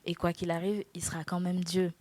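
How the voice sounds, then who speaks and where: Earnest young woman, low voice. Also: little pitch movement, brisk. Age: 20s. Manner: hesitant, earnest, with soft laughs. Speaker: guest. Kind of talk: personal testimony interview.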